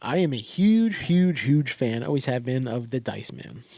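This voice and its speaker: A man co-hosting a podcast in casual chat, agreeable and quick to say yeah. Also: mid-range voice, expressive, creaky, dark tone, no echo. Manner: agreeable, lots of yeahs. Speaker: podcast co-host.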